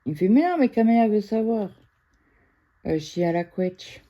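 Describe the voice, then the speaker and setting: Woman, middle-aged, from France, casual home vlog chat, excitable, very mellow tone. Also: medium pitch, highs cut off. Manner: chatty, excitable, quick to shout. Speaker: craft vlogger. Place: indoors at home.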